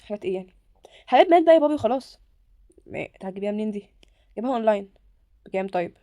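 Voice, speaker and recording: A woman voicing a stern, tired middle-aged father in a game role-play, speaking with an Egyptian Arabic accent in a gruff, dismissive way. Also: mid-range voice, animated, rapid-fire, warm tone, no room sound, clean studio sound, natural voice. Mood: annoyed.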